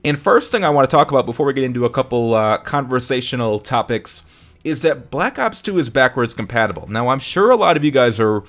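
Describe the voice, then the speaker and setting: A man's voice: medium pitch, lively intonation, fairly quick, a bit bright. A young man hosting a casual live stream, talking in an upbeat, rambling way that often corrects itself. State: hiccuping.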